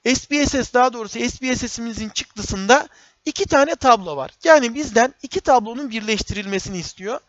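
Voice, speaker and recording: Man giving a dull lo-fi software tutorial. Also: extremely high pitch, animated, a little fast, no echo. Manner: step-by-step, repeats phrases, addresses viewers as friends. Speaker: instructor. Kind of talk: screen-recorded software tutorial. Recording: dull, dry lo-fi recording.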